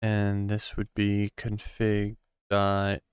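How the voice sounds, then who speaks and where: A man thinking aloud while he codes on a live stream, musing in a halting way with many pauses and ums. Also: lowish voice, monotone, clear, resonant tone, no echo, studio quality. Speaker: programmer streaming a coding session.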